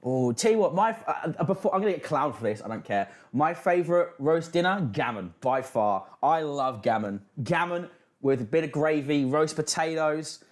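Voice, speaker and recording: A man's voice: fairly high pitch, animated, normal speed. A British man hosting a casual livestream, reacting and reading out chat with sweary, mocking banter. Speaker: livestream host.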